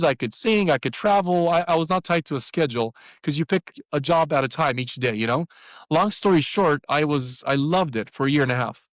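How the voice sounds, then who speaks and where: A man in his fifties telling a personal story as a podcast guest, animated and acting out the people he quotes. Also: medium pitch, dry recording, low-quality recording. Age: 50s.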